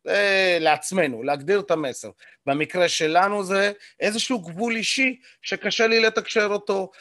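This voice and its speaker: Male workshop coach, fairly high voice, explanatory, hesitant fillers, keeps checking in with the room. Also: pushed and bright, dry recording, studio quality. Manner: explanatory, checks in often with the audience. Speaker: communication coach leading a workshop. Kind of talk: live teaching to a group.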